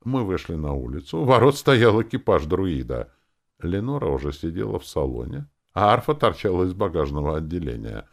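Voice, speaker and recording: Deep gravelly male audiobook narrator. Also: big pitch swings, a little fast. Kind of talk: scripted first-person narration.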